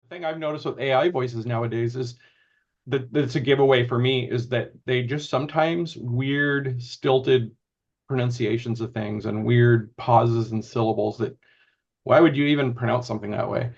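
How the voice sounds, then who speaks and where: Gravelly man musing on a video call. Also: medium pitch, steady tone, normal speed. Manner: musing, rambling, thinks out loud. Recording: slightly dull lo-fi audio.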